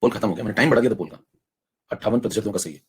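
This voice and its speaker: A young adult man teaching chemistry in a live online class, coaxing students along and saving his voice by speaking softly. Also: lowish voice, slightly rough. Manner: rapid, coaxing, mixes in English technical terms.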